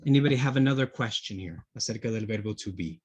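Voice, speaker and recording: Man, teacher, video call, husky, lively pitch, patient check-ins. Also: fairly quick. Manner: patient, checks understanding with frequent "okay?". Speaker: English teacher. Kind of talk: online class, switching between English and Spanish.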